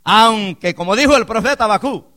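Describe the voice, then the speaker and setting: A man preaching a sermon as pastor, swinging between quiet storytelling and loud, emphatic swells, often calling out to his listeners as brother. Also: high-pitched, expressive, fairly quick. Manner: addresses listeners as "hermano".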